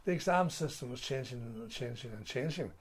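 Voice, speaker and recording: An older retired school principal, telling stories in an interview in a halting way, full of restarts and fillers. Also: male voice, mid-range voice, expressive, husky. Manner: halting, many restarts and fillers, playful when telling a prank. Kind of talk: interview storytelling.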